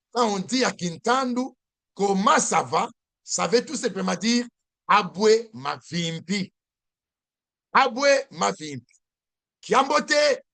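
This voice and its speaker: Slow gravelly man teaching a language. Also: high voice, a bit bright. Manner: slow, repeats each phrase for learners. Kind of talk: language lesson.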